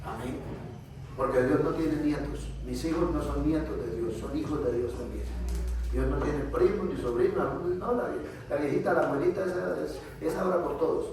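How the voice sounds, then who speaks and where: A man's voice: on the high side, moderate pace, a little mellow. A man with a Colombian accent preaching a Sunday sermon, punctuating it with frequent amens and questions to the congregation. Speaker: pastor. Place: church. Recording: echoey church hall, mic far off.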